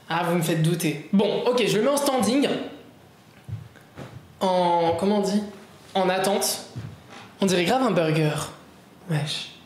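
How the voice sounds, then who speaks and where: A man streaming live, chatting casually and joking back at his viewers' comments as he sorts through things. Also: high-pitched. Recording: roomy echo, faint background noise.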